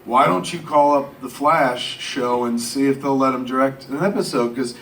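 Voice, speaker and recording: A man telling a profane, comic story at a live Q&A, swearing constantly and jumping into high voices when he quotes others. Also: normal speed, fairly bright tone, a little hiss or hum. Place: live Q&A event in a venue. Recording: roomy venue sound from a distant mic. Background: faint audience laughter and ambience.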